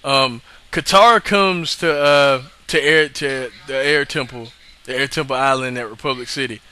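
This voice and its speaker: A man's voice: medium pitch, normal speed, pushed and bright, smooth. A man casually recapping an episode in a rambling, slangy way, swearing freely and often asking "you know what I mean?". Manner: profane, slangy. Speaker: show reviewer.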